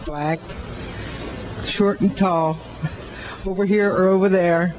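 A woman's voice: lowish voice, steady tone, takes it slowly, background noise. An older woman speaking in a friendly, earnest way into a handheld mic in a shopping mall. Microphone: handheld mic held by interviewer.

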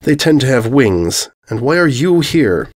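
A man voicing a stately, grave pony princess with formal, measured, dry speech in a comic story. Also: mid-range voice, big pitch swings.

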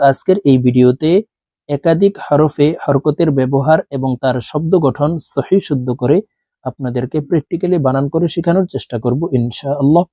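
A man teaching Quran reading in a Bengali lesson, moving between brisk explanations and slow, drawn-out chanting of letter and vowel drills. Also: a little high, dark tone, no echo. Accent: Bangladeshi Bengali.

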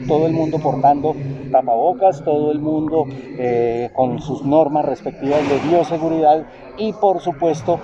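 A man with a Colombian accent giving a formal, improvised news report on location, with drawn-out hesitations. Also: mid-range voice. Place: outdoors at livestock auction yards. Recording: dull lo-fi outdoor sound with crowd noise. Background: crowd noise and distant auctioneers.

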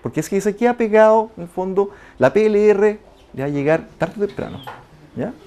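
Middle-aged chilean guy giving a lively talk, bit of a higher voice, acts out quotes. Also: brisk. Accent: Chilean Spanish. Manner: animated, acts out quoted voices, frequent tag questions. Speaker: conference speaker.

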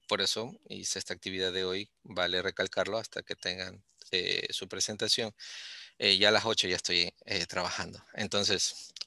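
Bright-voiced encouraging male teacher. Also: lowish voice, gravelly, dry recording. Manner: coaxing and encouraging, switching between English and Spanish. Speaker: English teacher. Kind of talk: online class on a video call. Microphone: video call.

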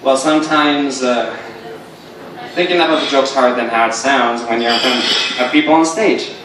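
A young adult man, an amateur ventriloquist, plays the straight man in a casual comedy act, speaking hesitantly with a mid-range voice at a moderate pace. He's on a small indoor stage filmed from the audience, so his stage mic is picked up by a distant camera in an echoey, noisy venue.

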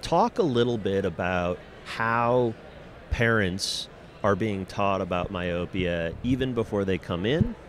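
A man's voice: fairly low pitch, a little slow. A middle-aged man hosting a casual interview podcast, speaking into a handheld microphone. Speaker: podcast host. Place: curtained booth at a convention. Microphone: handheld microphone held close, with headphones. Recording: clear background noise of convention hall.

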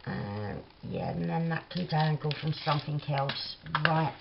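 A woman's voice: sits low, expressive, measured pace, gravelly, highs cut off, heavy background noise. A woman with a Cockney accent chatting and thinking aloud as she works at her craft desk. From London. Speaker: craft vlogger. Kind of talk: casual crafting tutorial.

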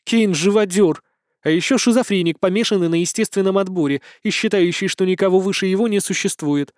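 A man's voice: sits high, brisk, darkish tone, no room sound, clean studio sound, voice pushed up, lightly acted. A male audiobook reader voicing a fierce, emotional young woman with divine power. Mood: scornful. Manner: emotional, protective. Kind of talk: audiobook dialogue.

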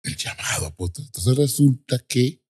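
A man's voice: sing-song, darkish tone, slightly rough. A man, an apostle, telling his personal faith testimony in an emphatic way, repeating words for stress. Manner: emphatic, acts out quoted people with sudden high, drawn-out voices.

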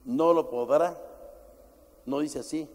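A middle-aged man preaching a sermon as pastor, forceful and emphatic, swinging from shouts to low asides. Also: slow pace. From Mexico. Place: church. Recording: church hall with long reverb.

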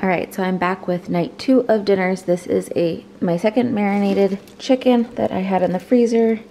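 A woman's voice: medium pitch, steady tone, normal speed, music in the background. A woman in her forties chatting casually as she cooks in her home kitchen, filming on a handheld phone and walking through each step. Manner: chatty, talks while cooking, many restarts. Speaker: home cook vlogger. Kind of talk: casual cooking vlog narration.

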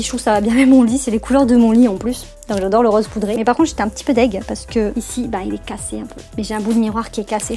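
Chatty, self-mocking young woman hosting a haul vlog; slightly high voice, faint music underneath. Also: mellow. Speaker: YouTube haul vlogger. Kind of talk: casual haul vlog to camera.

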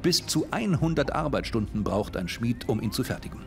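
A man's voice: mid-range voice, expressive, moderate pace, vocal fry, soft background music. Man narrating a factual clip. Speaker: voice-over narrator. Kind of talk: scripted narration.

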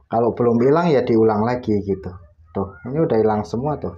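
In a casual how-to filmed in his home laundry area indoors, a man explains his laundry routine step by step while working. His medium-pitched voice is a little fast and mellow, captured with lo-fi sound.

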